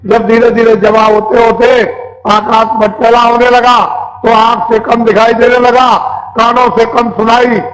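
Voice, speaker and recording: A man's voice: very high voice, completely flat delivery, measured pace, fairly bright tone, low-quality recording. A man preaching a devotional sermon as a spiritual teacher, instructing in short, simple, repeated phrases. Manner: quizzes listeners with simple questions.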